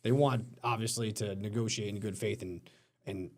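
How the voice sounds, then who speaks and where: A man's voice: fairly low pitch, steady tone, moderate pace, darkish tone. A man co-hosting a casual sports talk show, joking and sarcastic, often laughing as he talks.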